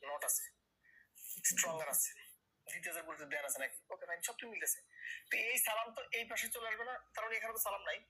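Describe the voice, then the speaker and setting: A man's voice: on the high side, bright, forceful tone, husky, low-quality recording. A man teaching English grammar in a classroom lecture, repeating questions and key words to his students, with a Bangladeshi accent.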